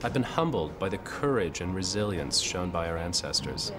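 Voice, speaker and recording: A man presenting and narrating a documentary in a measured, earnest way. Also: deep voice, very animated. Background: music.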